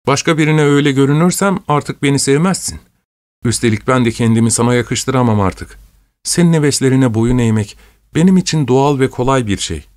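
A man's voice: medium pitch, brisk, dry recording, pitched above the performer's own voice, lightly acted. A man voicing a playful young woman in love, tender and a little sulky, in a storybook reading. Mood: tender, teasing. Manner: teasing and tender, softly sulky.

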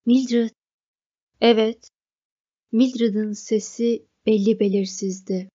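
A woman narrating a novel as an audiobook reader, in a measured, even reading. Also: a little high, muffled recording. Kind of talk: scripted narration.

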